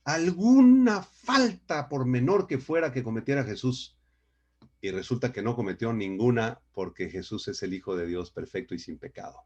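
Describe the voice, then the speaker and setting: A pastor teaches an online Bible class over video call, speaking emphatically and constantly checking in with listeners through rhetorical "¿sí?" questions. His voice is fairly low and darkish, his pace fairly quick, and the recording has its highs cut off.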